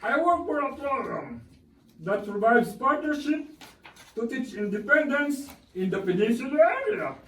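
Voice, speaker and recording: Lively intonation and a high, fairly bright voice at normal speed mark this man's take on a polite, cheerful monkey puppet. Guesting on a scripted puppet show as someone who works in a day program, he reads his answers carefully and earnestly; the mic is far off in an echoey room.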